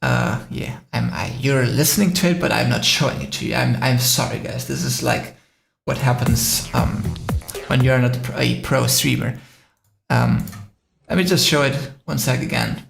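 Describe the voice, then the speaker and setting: A man from Spain chats loosely through a live stream, circling his points with plenty of ums and answering viewers' comments as he goes. His mid-pitched voice has a gravelly edge, and the room rings around him with faint music underneath. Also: normal speed, fairly bright tone, echoey room. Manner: rambling, many fillers, answers viewer comments. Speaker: drone live-stream host. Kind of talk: casual live-stream chat.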